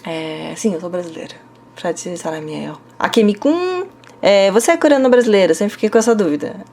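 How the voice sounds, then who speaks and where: A woman's voice: medium pitch, animated, fairly quick, darkish tone. A young woman with a São Paulo Brazilian accent, casually answering viewer comments as a Korean language teacher, full of little fillers. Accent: Brazilian Portuguese, São Paulo. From Brazil, interior of São Paulo state. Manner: chatty, frequent fillers like "né?" and "tá?", laughs a little.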